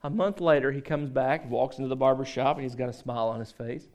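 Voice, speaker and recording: A man's voice: mid-range voice, steady tone, fast talker, darkish tone. A man preaching a sermon as pastor, talking casually and joking with his congregation, then reading scripture aloud. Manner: conversational, joking with the congregation, frequent restarts.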